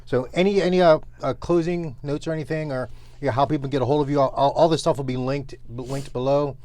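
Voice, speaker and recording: A man hosting an interview podcast, talking in a relaxed way with many fillers as he wraps up. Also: mid-range voice, fast talker. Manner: relaxed, filler-heavy wrap-up talk. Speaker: podcast host. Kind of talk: casual interview chat.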